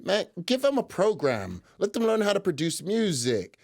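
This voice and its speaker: A man's voice: sits high, wildly swooping pitch, moderate pace, gravelly, darkish tone. A man hosting a casual reaction commentary, rambling, sarcastic and profane. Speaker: commentary host.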